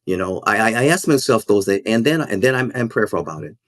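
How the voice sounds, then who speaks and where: Earnest low-voiced man, halting. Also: big pitch swings, a bit bright, no echo, clean studio sound. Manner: halting, repeats words while thinking. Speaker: school principal and minister. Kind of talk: podcast interview.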